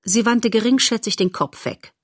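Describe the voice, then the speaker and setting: A woman reading a children's novel aloud as narrator, in a steady, expressive storytelling manner. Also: fairly high pitch, normal speed, no echo, clean studio sound.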